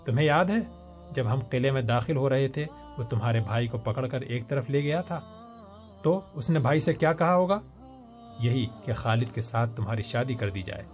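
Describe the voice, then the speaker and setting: A mischievous, teasing young woman, as a male narrator puts her on, speaks in a lifted, lilting voice. The storybook reading keeps a playful, warm edge throughout. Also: medium pitch, expressive, faint music behind, natural voice. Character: teasing older sister-figure, playful and mischievous.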